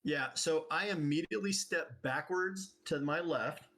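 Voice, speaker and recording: Slightly high-voiced male tabletop gamer. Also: a little slow, a bit bright. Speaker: tabletop game player. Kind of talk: casual in-game negotiation.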